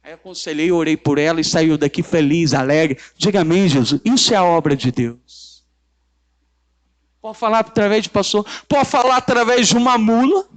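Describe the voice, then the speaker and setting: A pastor with a Brazilian Portuguese accent preaches a church sermon in a high-pitched voice at normal speed. His delivery is emphatic and repetitive, and the congregation answers him in call-and-response.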